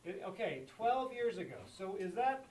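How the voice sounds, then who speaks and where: Man teaching math to a class, higher-pitched, emphatic, recorded from across an echoey classroom. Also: big pitch swings, moderate pace, a little mellow, far from the mic. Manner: repeats key points with emphatic checks. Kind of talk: classroom lesson.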